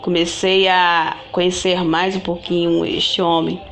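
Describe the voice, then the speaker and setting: Speaking at a measured pace in a fairly low, level voice, a woman vlogger shares a personal story with her viewers over a slight hiss or hum. Her telling is casual, rambling and repetitive, with frequent restarts and direct address to the audience.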